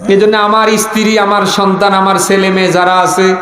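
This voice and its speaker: A high-voiced man delivers an impassioned sermon. He exhorts his listeners, repeating phrases for emphasis and putting questions to them. The sound is heavily echoing, as if amplified in a big reverberant space. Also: level tone, normal speed, a bit bright. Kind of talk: impassioned sermon addressed to a gathering, with call-and-response questions.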